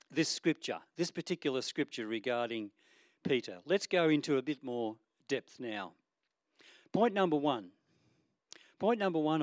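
A man preaches in a middle-pitched voice with an earnest, conversational manner. He stumbles over ums and restarts now and then, and he pushes some phrases louder for emphasis. The recording is dry and close, with no room echo. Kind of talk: sermon.

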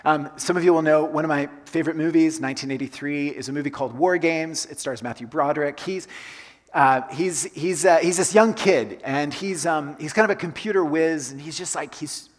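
With a brisk voice on the high side, a man raised in Colombia preaches conversationally in a church sanctuary, echoing his key phrases for emphasis. The recording has long hall reverb.

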